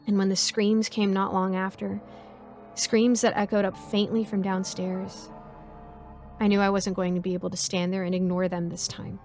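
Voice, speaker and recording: A woman narrating a first-person horror story in a measured, suspenseful way. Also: mid-range voice, level tone, a little mellow, faint music behind.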